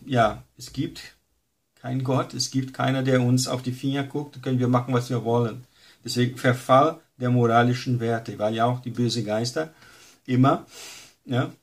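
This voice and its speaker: A man teaching a Bible lesson in a loose, conversational way, often tagging his sentences with quick questions. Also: mid-range voice. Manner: conversational, frequent tag questions.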